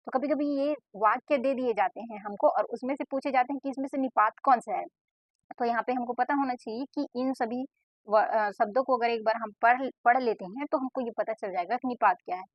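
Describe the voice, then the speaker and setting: A woman's voice: a little high, a little fast, no echo. A woman teaching an exam-prep lesson in a casual spoken style, explaining step by step and answering her own questions. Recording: dry, dull lo-fi voice-over.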